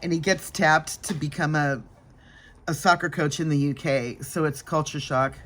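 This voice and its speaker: A woman talks to the camera as she applies her makeup, relaxed and conversational. She laughs easily and drops to soft murmurs for small asides. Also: sits low, moderate pace. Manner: chatty, laughs often, soft-spoken asides. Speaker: makeup vlogger. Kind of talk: casual makeup vlog chat.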